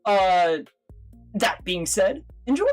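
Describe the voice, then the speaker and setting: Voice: mid-range voice, animated, slow pace, faint music behind. A livestream radio host chatting casually with viewers, rambling, giggling often and apologizing a lot.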